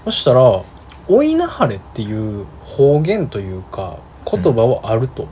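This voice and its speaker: A man speaking with a Kansai accent, chatting casually as a podcast co-host and telling a story with quick asides. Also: medium pitch, wildly swooping pitch, warm tone, a little hiss or hum. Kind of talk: casual chat.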